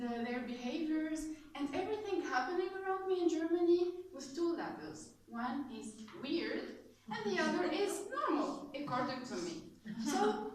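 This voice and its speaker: A young woman from Tunisia giving a prepared club speech, animated and laughing often, with fillers and restarts. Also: sits high, a little hiss or hum. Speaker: club speaker. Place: meeting room with audience. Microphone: far camera. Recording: echoey room from far off.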